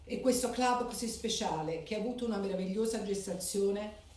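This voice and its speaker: A woman delivers a formal speech in short, measured, declamatory phrases. Her voice sits at an ordinary middle pitch and is picked up from a distance, so it rings out with heavy hall reverb. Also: a little mellow. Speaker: speaker at a club charter ceremony. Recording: echoey hall, voice from far off.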